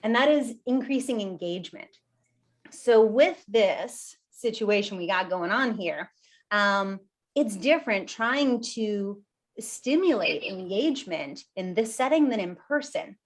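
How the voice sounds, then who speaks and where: Standing woman presenter, animated, chatty, on a video call mic, medium pitch. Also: a little slow. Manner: lively and conversational, laughs often; talks while standing and gesturing. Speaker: workshop presenter. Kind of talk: live online presentation.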